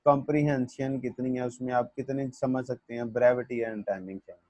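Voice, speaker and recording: A male teacher giving a classroom lecture. He reads English definitions slowly, explains them in Hindi-Urdu, calls his students "beta" and checks whether they understood. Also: mid-range voice, fairly even intonation, warm tone, no room sound.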